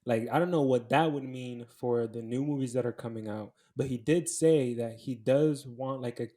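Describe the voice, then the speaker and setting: A man's voice: mid-range voice, normal speed, warm tone. A man co-hosting a podcast in casual chat, easygoing and hesitant, often restarting his sentences. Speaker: podcast co-host.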